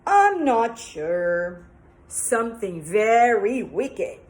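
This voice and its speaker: A woman voicing a wicked female witch in a children's story, shrill, loud and scolding. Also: big pitch swings, extremely slow. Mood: menacing.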